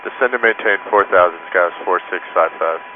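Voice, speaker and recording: A pilot over the radio, a man reading back instructions in short, clipped bursts. His voice sits very low and moves briskly. It comes through a tinny, hissy radio channel. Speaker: airline pilot.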